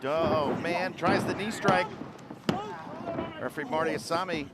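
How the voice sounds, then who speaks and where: High-voiced man calling wrestling action. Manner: excitable, quick calls of the action. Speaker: play-by-play commentator. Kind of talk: live wrestling commentary. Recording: loud arena crowd and noise.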